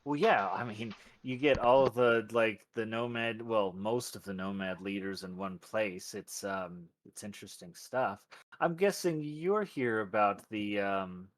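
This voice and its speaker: A man voicing a hesitant, nosy nomad journalist in halting, probing small talk for a tabletop role-play. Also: on the low side, natural voice. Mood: casual probing.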